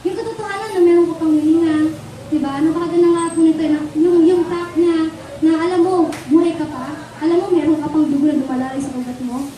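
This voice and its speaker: A woman with a Filipino accent delivers a sermon in a high, mellow voice, pausing often for an amen from her listeners. She stands well away from the microphone in an echoey church hall. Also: fairly even intonation, recorded from a distance. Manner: Taglish, asks the congregation for amens. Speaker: preacher.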